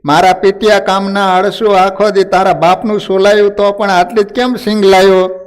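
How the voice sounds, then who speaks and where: A man playing a bad-tempered village wife who scolds in a high, loud, shrill voice. She is quarrelsome and nagging, and the voice is pitched up from the teller's own. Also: normal speed, natural voice. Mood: scolding.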